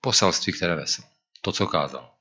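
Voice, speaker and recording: A man's voice: sits low, lively intonation, pushed and bright, breathy edge, highs cut off. A man preaching a sermon to a congregation, speaking earnestly and rising to emphatic declamation when he quotes scripture.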